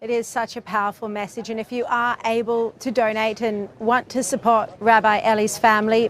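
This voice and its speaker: A woman, an interviewer closing gently and then giving a brisk appeal. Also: medium pitch, a little hiss or hum. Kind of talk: news interview.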